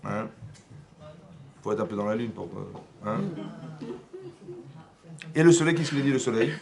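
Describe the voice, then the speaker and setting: Un homme qui donne un cours religieux dans une synagogue, avec un accent français. Il pose des questions au public et joue les dialogues avec animation. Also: male voice, lowish voice, measured pace, gravelly, background noise. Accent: French. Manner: animated, acts out dialogues, asks the audience questions. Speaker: rabbi teaching a class. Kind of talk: lively religious lesson. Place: synagogue class room.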